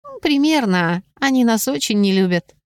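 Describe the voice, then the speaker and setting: A woman's voice: fairly high pitch, expressive, normal speed, pitched above the performer's own voice, lightly acted. A woman reading aloud, voicing a confident young female witch who is scornful of mages, in a matter-of-fact way.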